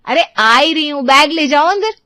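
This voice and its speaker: A woman's voice: high-pitched, expressive, moderate pace, fairly bright tone, no echo, clean studio sound. A woman voicing a lazy, sassy young married daughter in a storybook tale. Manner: sassy, bossy. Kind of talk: storybook voice acting.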